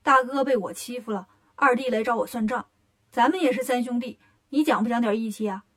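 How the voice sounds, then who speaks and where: A woman's voice: a little high, brisk, lightly acted. A woman voicing a cocky, mischievous monkey king who teases and tricks his companion, in a storybook reading. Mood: teasing. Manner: cocky, teasing, sly.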